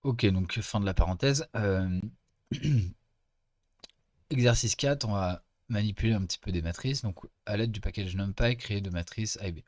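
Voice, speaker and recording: Low-voiced man explaining code. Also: darkish tone, dry recording. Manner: casual, chatty explaining with frequent pauses. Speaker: teaching assistant. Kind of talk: screen-recorded coding lesson.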